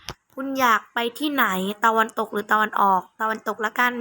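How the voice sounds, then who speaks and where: Female gamer, fairly high and very bright voice; casual playthrough commentary, reads on-screen text, blunt, sweary, mocking. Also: fairly even intonation, a little fast. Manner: blunt, mocking, foul-mouthed. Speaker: gamer playing through a horror game. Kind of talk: casual gameplay commentary, reading game text aloud.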